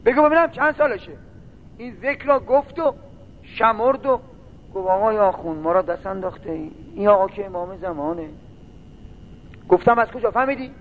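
High-voiced preacher, tinny sound. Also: male voice, expressive. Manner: storytelling, drawn-out, rising to mournful chanting. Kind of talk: religious sermon and storytelling. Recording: tinny phone-like sound with faint noise.

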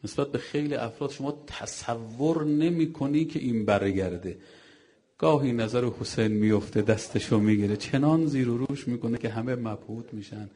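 A man's voice: mid-range voice, mellow. A man preacher giving an emotional religious mourning sermon, telling a story and exhorting his listeners.

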